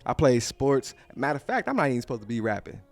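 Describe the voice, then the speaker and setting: Laid-back rapper from Pontiac. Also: male voice, mid-range voice, sing-song, quick pace, creaky. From Pontiac, Michigan. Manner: laid-back, rambling, slangy, laughs often. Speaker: rapper guest. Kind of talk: casual storytelling interview. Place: clothing store.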